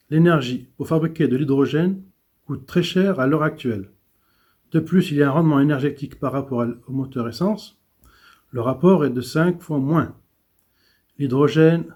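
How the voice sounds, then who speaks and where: A man's voice: on the high side, a little mellow, breathy edge. A man reading economic and environmental news commentary, with small stumbles and restarts.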